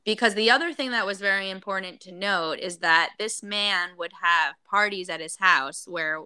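Chatty gossip co-host, woman, bright and smooth, dry close sound. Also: medium pitch, moderate pace, dry recording. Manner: chatty, recounting with many fillers. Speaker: podcast co-host. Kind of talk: casual gossip chat.

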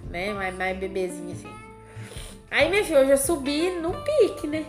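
A woman's voice: sits high, sing-song, normal speed, reverberant, music in the background. A woman, co-hosting a casual chat and telling a personal story with lots of drama.

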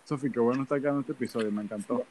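A man with a Venezuelan accent rambles playfully through a casual podcast chat. His voice sits at an ordinary middle pitch, and a faint hiss runs under the recording. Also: very fast, a little mellow, poor audio. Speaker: podcast co-host.

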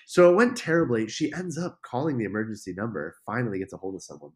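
A man's voice: medium pitch, fast. A young man, a podcast guest, telling a story casually, swearing and acting out the people in it. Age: young adult. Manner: animated, swearing, acts out quoted lines.

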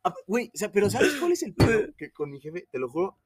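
Young Mexican co-host, a bit high, slangy, animated storyteller, mic a touch distant. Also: male voice, quick pace, background noise. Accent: Mexican Spanish. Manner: slangy, animated, acts out his parents' voices. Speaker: podcast co-host. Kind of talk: casual chat.

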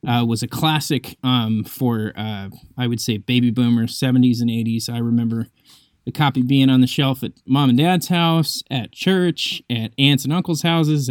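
A man hosting a devotional podcast, speaking reflectively and conversationally with many pauses, then reading scripture. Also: medium pitch, steady tone, no echo, clean studio sound. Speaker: podcast host.

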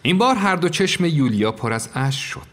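A man narrating a first-person story in a measured, reflective manner. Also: fairly high pitch, very animated, a bit bright. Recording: long reverb.

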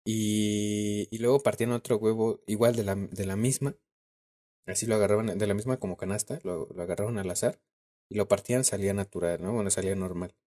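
A man's voice: on the low side, steady tone, brisk, dark tone. A young man with a Mexican Spanish accent, co-hosting a podcast and telling a story in slangy casual chat, laughing often. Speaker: podcast co-host.

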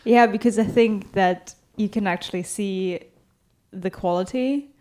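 A German woman with a German accent co-hosts a podcast, chatting casually in a mellow, mid-range voice at a measured pace. She is giggly and laughs often between her remarks.

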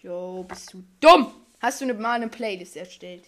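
A woman's voice: medium pitch, moderate pace, fairly bright tone. A female-sounding podcast host in casual, goofy chat, bossy and exclamatory in a playful way.

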